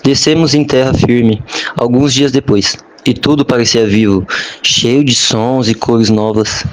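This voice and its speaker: A young man playing an earnest Portuguese ship hand, remembering the voyage with a slightly halting delivery on a school podcast. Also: medium pitch, fairly even intonation, close to an everyday voice. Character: male Portuguese ship maintenance sailor, earnest. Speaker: interviewee. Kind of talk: school podcast role-play.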